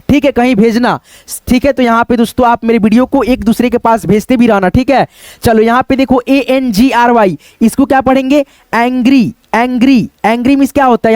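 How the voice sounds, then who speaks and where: At a digital board in a classroom-style video, an English teacher leads a spelling and pronunciation lesson, his very high-pitched voice recorded dry. He keeps calling viewers his friends, repeats every word, and poses questions he then answers himself.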